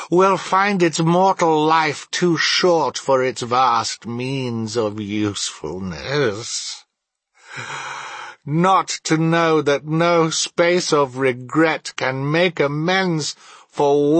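A man voicing an anguished, remorseful male ghost in a theatrical storybook reading, wailing and solemn in a slow, declamatory way. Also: fairly high pitch, a bit bright, dry recording, voice pushed up, exaggerated voice.

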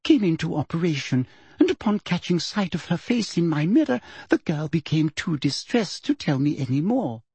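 A man narrating a storybook puts on a middle-aged female official with a high, silky, condescending voice. The sweetness is false and sinister, with a lilting range and slightly breathy tone. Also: sing-song, normal speed, a little mellow, dry recording, heavily acted. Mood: simpering.

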